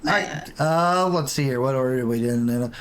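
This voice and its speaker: A man's voice: medium pitch, moderate pace. A man speaking casually as game master, narrating and chatting with the players.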